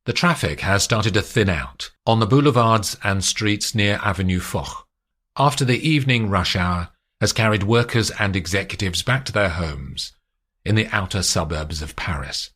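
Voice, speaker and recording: A male narrator reading a spy audiobook in a steady, descriptive way. His voice is low, yet his pitch moves expressively from line to line. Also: moderate pace.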